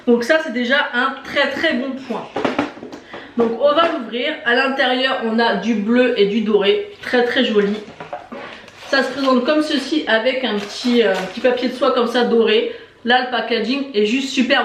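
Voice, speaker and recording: Brief: enthusiastic female beauty vlogger, slightly high voice, echoey room, chatty unboxing tone. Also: distant mic. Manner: chatty, enthusiastic, many fillers and repeated "très très". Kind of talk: casual unboxing review. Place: indoor room with shelves of lipsticks behind.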